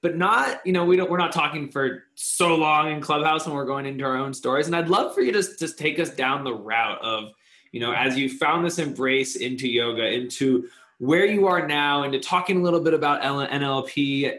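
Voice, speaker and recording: A man hosting an interview, enthusiastic and full of halting restarts as he asks questions. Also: on the high side, bright, forceful tone, echoey room. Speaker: podcast host. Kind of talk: conversational interview.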